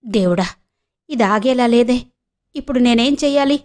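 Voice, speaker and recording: A woman's voice: fairly high pitch, normal speed, darkish tone, close to an everyday voice. A woman voicing an anxious older grandmother who frets and mutters to herself.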